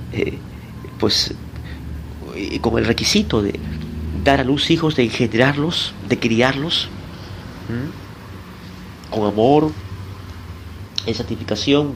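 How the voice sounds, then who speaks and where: A man preaching as a pastor in a Bible teaching sermon. He talks deliberately, asks and answers his own questions, addresses listeners directly and spells out Greek words letter by letter. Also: medium pitch, vocal fry, a little hiss or hum, poor audio.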